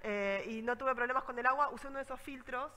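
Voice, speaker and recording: Una mujer con acento rioplatense que da una charla de viajes y cuenta anécdotas con viveza, imitando a la gente de sus historias. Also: female voice, high voice, quick pace, big-room sound, low-quality recording. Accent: Rioplatense Spanish. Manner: lively storytelling, acts out scenes. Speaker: travel speaker. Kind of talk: conference talk with anecdotes.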